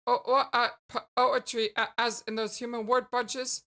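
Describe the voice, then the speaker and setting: Woman as awkward, timid alien boy for a game; bright voice, flustered stutter, hesitant phrasing. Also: on the high side, level tone. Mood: puzzled. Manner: stammering, halting, hesitant.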